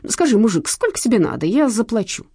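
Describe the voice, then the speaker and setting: A woman's voice: mid-range voice, animated, quick pace, a little mellow, no room sound, studio quality, pitched above the performer's own voice, lightly acted. Woman voicing a whining street pickpocket. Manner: whining, pleading, rough slang. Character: whining small-time male pickpocket, scared and sly.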